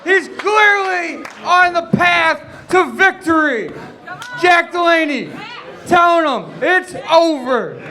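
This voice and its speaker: A male wrestling commentator with a very high, keyed-up voice gives excited play-by-play. He often pushes into a shout, and a crowd is clearly audible behind him. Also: slow. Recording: arena crowd noise behind the voice. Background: live wrestling crowd.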